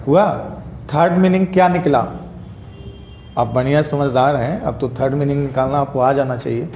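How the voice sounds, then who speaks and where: A male English teacher, giving an interactive classroom lecture and constantly quizzing his students whether each point is clear. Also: medium pitch, moderate pace, a little mellow, soft background music. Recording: echoey classroom room sound.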